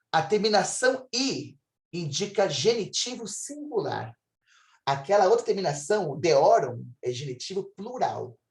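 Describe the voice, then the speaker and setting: A man's voice: fairly high pitch, a little mellow. A man with a Brazilian Portuguese accent giving an enthusiastic recorded lecture as a Latin teacher, drawing out his model pronunciations. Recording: echoey room.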